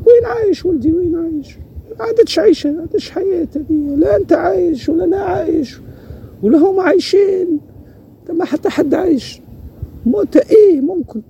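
A man's voice: very high voice, fairly quick, vocal fry, warm tone, a little hiss or hum, low-quality recording. An older man, complaining repetitively about hard times in a candid interview. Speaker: anonymous interviewee.

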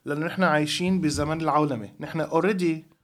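A man with a Levantine Arabic accent, voice a little high and pace fast, chats on a podcast he co-hosts. Blunt and casual, he shares opinions and tells lively stories, slipping into English now and then.

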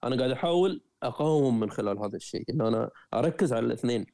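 Fast-talking Gulf Arabic man, mellow tone. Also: mid-range voice, creaky, no room sound, clean studio sound. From Qatar. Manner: lively storyteller, frequent self-corrections and restarts. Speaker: guest, traveler and writer. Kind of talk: conversational interview.

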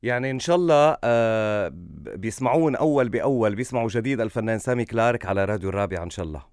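A man's voice: lowish voice, expressive, racing, darkish tone, clear, resonant tone, dry recording, clean studio sound. A man hosting an informal radio interview in an effusively courteous, complimentary manner. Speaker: radio host interviewing a guest. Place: close, dry radio studio.

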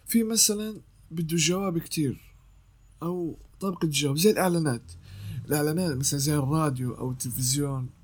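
A young man talks through voice-over training like a patient teacher. His voice sits a little high with a slightly husky edge. He explains casually and circles back to repeat his points. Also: quick pace. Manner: explanatory, repeats himself, sings scale notes. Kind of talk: casual tutorial.

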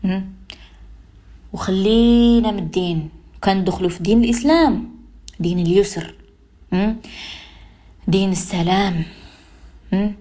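With a warm, mid-range voice, this radio host speaks at a measured pace and pauses often, her accent Algerian Arabic. She lectures listeners on social behavior in an emphatic, repetitive, scolding advice monologue.

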